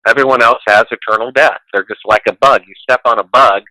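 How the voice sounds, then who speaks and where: A man's voice: medium pitch, steady tone, fairly quick, sharp tone, no echo, rough recording. A man in a casual conversation as a guest, talking in a preachy, rambling way and quoting scripture.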